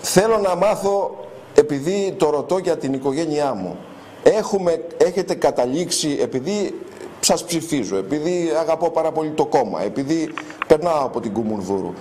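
A male television host with a high-set voice tears into his targets. He rants loudly and indignantly in a theatrical, mocking way, trading in insults. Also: lively intonation, slight background noise. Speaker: TV show host. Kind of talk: on-air prank call and ranting commentary.

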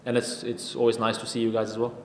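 Flat-toned man, echoey press room. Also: medium pitch, a little hiss or hum. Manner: even-toned, halting with many restarts and fillers. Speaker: cricketer at press conference. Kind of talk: post-match press conference answers. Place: press conference room with sponsor backdrop. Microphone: table microphone. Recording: echoey room with long reverb.

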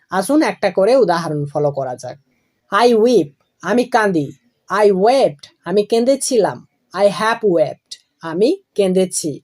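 A woman teaching English grammar, going slowly and deliberately through each verb form and letting phrases fall low at the ends. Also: a little mellow. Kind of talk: classroom explanation of verb forms.

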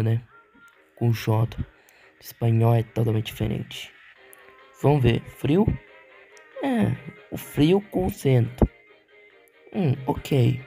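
A Brazilian man casually commenting on a game, musing slowly and often tagging his lines with a questioning "né?". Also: medium pitch, mellow. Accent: Brazilian Portuguese. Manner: slow, musing, with frequent "né?" tags. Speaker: gaming channel host.

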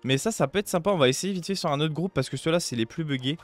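A man's voice: fairly high pitch, fast talker. A young man giving casual, upbeat gameplay commentary, chatty and full of fillers, as a gaming youtuber at home on a close desk mic.

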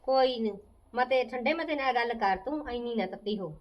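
A woman's voice: sits high, quick pace, no room sound, highs cut off, natural voice. A woman playing a soothing, chiding elder aunt. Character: elder aunt-in-law, calming but sharp-tongued. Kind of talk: amateur comedy short film acting.

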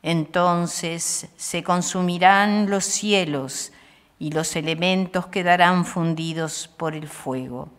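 An older woman reading scripture aloud at a lectern microphone in a small chapel, in a measured liturgical manner. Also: on the low side. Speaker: lector. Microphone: stand microphone at lectern. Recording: long chapel reverb.

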